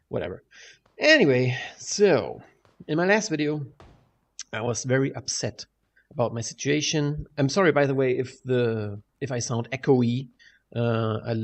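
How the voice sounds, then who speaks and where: A man's voice: mid-range voice, vocal fry, a little mellow. A man from Germany, rambling casually and swearing freely as he talks over gameplay, his voice echoing in a bare room at home. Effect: echoey room sound, like a big bare hall. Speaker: gaming channel host. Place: sparsely furnished room at home with large windows. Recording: echoey room with faint noise.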